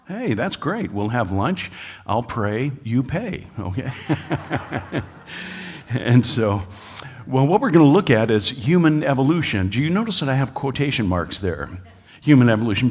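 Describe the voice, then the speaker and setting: In a lecture hall with big-room acoustics, a lowish-voiced American man speaks at a creationist talk. Before the live audience he's folksy and joking, often filling pauses with uh.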